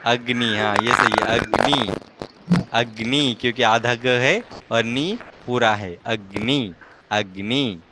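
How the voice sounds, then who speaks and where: A male language teacher with a medium-pitched voice gives a one-on-one reading lesson, patiently going letter by letter and repeating every word slowly. The recording is very noisy.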